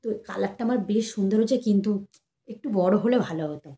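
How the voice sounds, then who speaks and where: A young woman chatting casually to her viewers, showing gifts for her baby and keeping her voice soft so the child sleeps. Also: mid-range voice, fast. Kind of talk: casual chat to camera.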